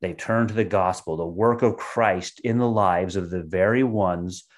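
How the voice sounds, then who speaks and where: Low-voiced man giving a devotion. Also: measured pace. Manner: steady teaching, reading scripture aloud. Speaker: pastor. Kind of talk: short devotional sermon.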